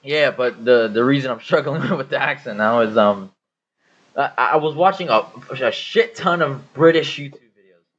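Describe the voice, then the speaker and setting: A man's voice: mid-range voice, normal speed, fairly bright tone. A man co-hosting a podcast, telling a rambling story full of swearing in casual chat. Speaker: podcast co-host. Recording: dull audio with faint hiss.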